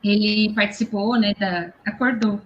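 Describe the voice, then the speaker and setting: A woman's voice: mid-range voice, fairly even intonation, a little slow, muffled recording. A woman, a mother and guest, talking eagerly on a video call, often restarting her sentences and tagging them with little checks. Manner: enthusiastic, hesitant restarts, frequent "né". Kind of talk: casual video call conversation.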